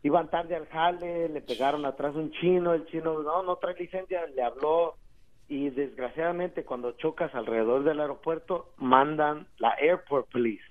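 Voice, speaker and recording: A man's voice: a little high, moderate pace. A Mexican man with a Mexican accent, calling in to a radio show and telling a long, rambling, slangy story. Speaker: caller. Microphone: telephone. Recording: tinny phone line.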